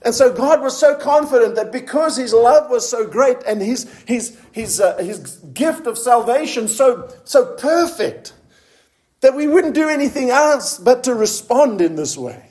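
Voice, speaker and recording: A male preacher giving a sermon. He asks the congregation questions and drops low and slow when he reads scripture aloud. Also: lively intonation, a little mellow. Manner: slows down to read scripture in a low, solemn voice.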